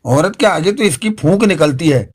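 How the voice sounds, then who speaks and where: Guy doing a cheeky jumpy servant, voice pitched way up, mocking. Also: animated, normal speed, breathy edge. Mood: alarmed. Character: jumpy, cheeky grown man, a jinn's servant.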